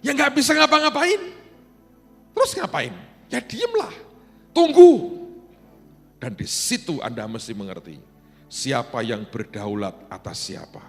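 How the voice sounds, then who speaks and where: A middle-aged man preaching a sermon, animated and swinging from loud exclaiming to hushed asides. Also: medium pitch, normal speed. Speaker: pastor. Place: church hall. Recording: long hall reverb with faint music behind.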